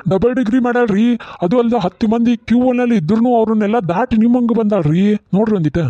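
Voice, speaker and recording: A man's voice: very high-pitched, fast talker, mellow, no room sound, highs cut off. A man voicing a pushy father who pleads with a groom in a cartoon. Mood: pleading.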